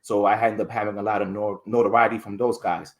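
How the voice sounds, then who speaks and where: A rambling, animated man telling stories. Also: lowish voice, quick pace. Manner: rambling, restarts words often, many fillers; animated storytelling, voices others in quotes. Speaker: podcast guest. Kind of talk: casual interview chat.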